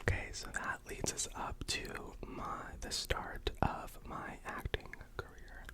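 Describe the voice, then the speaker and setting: Slow, hushed whisperer with an American accent, chewing while talking. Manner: casual, rambling, self-effacing personal storytelling. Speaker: video creator and actor. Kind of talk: whispered ASMR mukbang storytelling.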